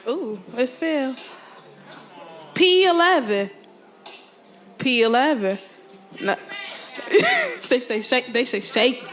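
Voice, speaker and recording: A woman's voice: high-pitched, a bit bright, soft background music. A young woman calling bingo numbers at a community event on a handheld mic, repeating each number and laughing and joking with the crowd. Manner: slow, repeats every number, laughs often, jokes with the crowd. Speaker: bingo caller. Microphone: handheld microphone.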